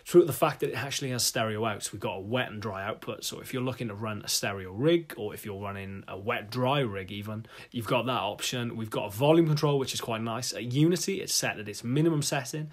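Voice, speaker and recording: A man's voice: medium pitch, fairly quick, hardly any pauses. A man with a Welsh accent from South Wales, chatting enthusiastically as a guitarist reviewing gear in a casual vlog.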